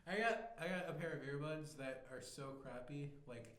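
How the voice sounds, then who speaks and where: A man's voice: on the high side, moderate pace, fairly bright tone. Young man, teasing, crude jokes, casual chat, echoey room. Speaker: podcast co-host. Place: small studio room. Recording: echoey room, faint hiss.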